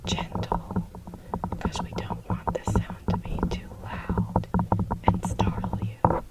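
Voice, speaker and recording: A woman doing a whispered ASMR roleplay, speaking to the listener as a caring friend in a soft, unvoiced whisper. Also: slow, rough recording. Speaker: ASMR creator.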